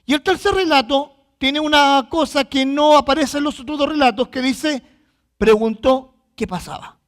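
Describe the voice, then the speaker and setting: High-voiced preacher reading scripture aloud. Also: male voice, normal speed, fairly bright tone. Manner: reads scripture aloud, then explains with emphatic repetition. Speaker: pastor. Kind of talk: sermon with Bible reading.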